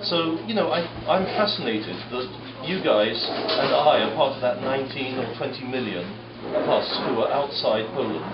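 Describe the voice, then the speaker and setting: A man's voice: mid-range voice, expressive, normal speed, hardly any pauses. A man from the UK with a British accent, giving an informal, self-deprecating and wordy introduction of himself to a group. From United Kingdom. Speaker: government advisor. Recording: echoey, muffled room with crowd noise.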